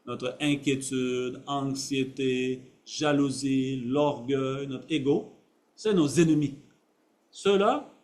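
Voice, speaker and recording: A man teaching Buddhism to an audience, in a voice that sits a little higher than most men's. He explains in plain phrases and everyday examples, repeating key words. He keeps checking that his listeners follow with a quick "ok?". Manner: simple phrasing, asks "ok?" often to check understanding. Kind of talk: dharma talk to an audience.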